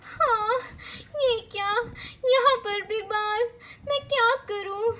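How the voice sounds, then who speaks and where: A woman's voice: very high-pitched, takes it slowly, sharp tone, pitched above the performer's own voice, heavily acted. A woman voicing a dramatic young mother who frets and whines, close to tears, in a doll-play story. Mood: worried whiny. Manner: worried, whining, near tears.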